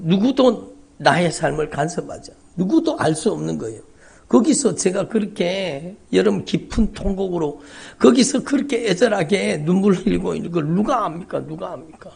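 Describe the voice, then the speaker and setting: Male Korean pastor, high husky voice, dramatic sermon storytelling that drops to whispers. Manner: dramatic storytelling with swings between loud cries and hushed whispers. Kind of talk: emotional sermon testimony. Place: large church sanctuary.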